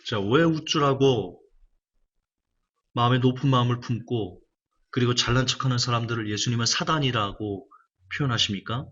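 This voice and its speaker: A man's voice: medium pitch, moderate pace, a bit bright, slightly rough, muffled recording. A male pastor preaching a sermon with emphatic repetition of key phrases.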